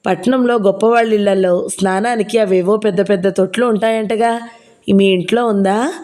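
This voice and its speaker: A woman's voice: medium pitch, steady tone, moderate pace, dark tone, natural voice. A woman voicing a nosy, chatty older village woman who pries and scolds, in an audiobook reading. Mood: prying. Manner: prying, scolding, gossipy.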